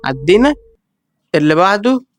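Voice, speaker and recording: A man with an Egyptian accent giving excitable let's-play commentary, reacting with quick exclamations and talking straight to his viewers. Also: high voice, slight background noise. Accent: Egyptian Arabic. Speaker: gaming video creator.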